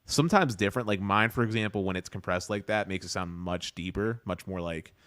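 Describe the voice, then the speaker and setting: A man's voice: low-pitched, fairly quick, a bit bright, clean tone, no room sound, studio quality. A man co-hosting a podcast, chatting loosely and casually with plenty of filler words. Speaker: podcast co-host.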